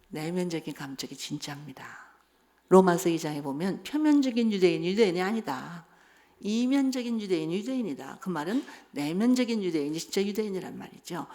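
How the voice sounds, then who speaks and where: Middle-aged female seminar speaker; animated storyteller who quizzes the room. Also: fairly low pitch. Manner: lively storytelling, acts out quotes, asks the audience questions. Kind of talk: church seminar talk.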